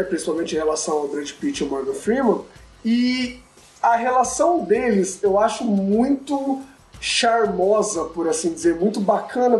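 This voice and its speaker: A man's voice: very high voice, darkish tone. A man co-hosting a casual film chat, slangy and enthusiastic as he talks through scenes. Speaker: podcast co-host. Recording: roomy echo.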